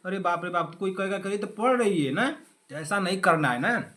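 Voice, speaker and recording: High, bright-voiced teacher, sarcastic scolding. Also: male voice, a little fast. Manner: scolding in a playful, sarcastic way, repeating himself. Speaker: exam coaching teacher. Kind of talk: online class.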